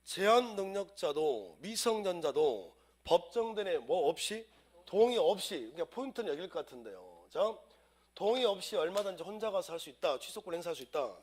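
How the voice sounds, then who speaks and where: A man's voice: sits high, sing-song, a little fast. A man teaching civil law in an exam-prep lecture, drilling students with chants and acting out everyday scenes to explain the rules.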